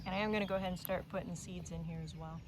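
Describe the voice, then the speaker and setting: A young woman films a farm diary vlog on her phone while walking through a farm garden outdoors, talking very fast and casually in a plainspoken way packed with fillers. Her voice sits fairly low with fairly even intonation and sounds a little strained from talking, and heavy background noise surrounds her.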